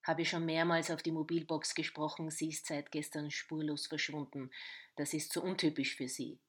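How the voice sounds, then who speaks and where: A woman's voice: low voice, little pitch movement, moderate pace. A woman voicing a worried male chief inspector in a crime story. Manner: urgent, insistent.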